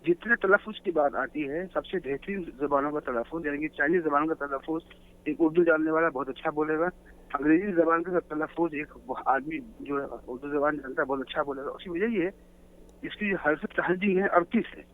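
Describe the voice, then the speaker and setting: A man calling in to a talk show, explaining his views earnestly in a lecturing way. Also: a little high. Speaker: guest caller. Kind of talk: phone-in talk show discussion. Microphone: telephone. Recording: tinny phone line.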